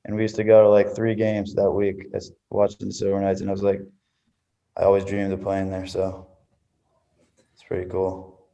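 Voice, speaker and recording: A young man from Maine, a baseball player answering interview questions in a relaxed, casual way. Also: deep voice, moderate pace, gravelly, pauses often, lo-fi sound. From Maine, USA.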